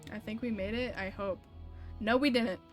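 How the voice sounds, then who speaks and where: A young woman streams a game, chatting and commenting casually in a blunt, sweary, complaining way. Her voice is medium-pitched and steady at a normal speed, with game music playing behind it.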